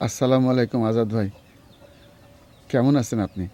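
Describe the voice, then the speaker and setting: A man's voice: medium pitch, steady tone, normal speed, warm tone, lightly acted. An actor playing an older village father, fond and folksy, given to homespun sayings. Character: warm-hearted old village father who loves to sing. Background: music.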